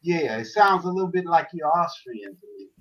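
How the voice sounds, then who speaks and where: A man with a high voice makes casual conversation. He speaks haltingly and repeats words as he goes. The call audio is dull and lo-fi. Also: expressive, fairly bright tone. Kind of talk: casual chat.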